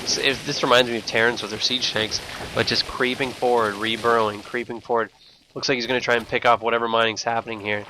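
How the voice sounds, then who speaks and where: A man with a lisp and slushy s sounds, giving excitable live esports commentary and thinking aloud. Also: mid-range voice, fast, noisy background. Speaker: esports shoutcaster. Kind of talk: live StarCraft match commentary.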